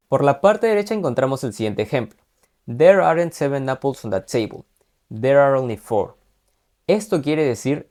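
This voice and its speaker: Man calmly teaching English grammar. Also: medium pitch. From Peru. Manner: explains step by step, reads English examples slowly and carefully. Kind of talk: scripted lesson narration.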